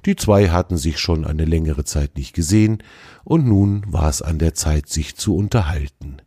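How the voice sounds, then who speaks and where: A man reads a children's story aloud in a deep, dark voice. His melody rises and falls freely, and the sound is dry and close. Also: moderate pace, breathy edge, dry recording. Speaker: narrator.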